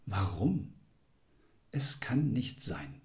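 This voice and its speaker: A man's voice: fairly low pitch, sing-song, unhurried, mellow. A man voicing the anguished inner monologue of a dying middle-aged official in a dramatic reading. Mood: despairing.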